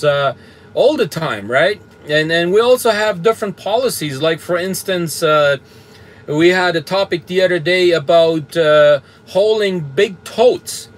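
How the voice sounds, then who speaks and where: A fairly high-voiced man from Canada, a trucker talking from his truck cab. He chats loosely and bluntly, full of fillers and little chuckles, reading out comments as they come in. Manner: blunt, straightforward, chuckles often, many fillers. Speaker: trucker streaming a live show. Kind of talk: casual live-stream chat reading comments. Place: truck cab with bunk heater and fan.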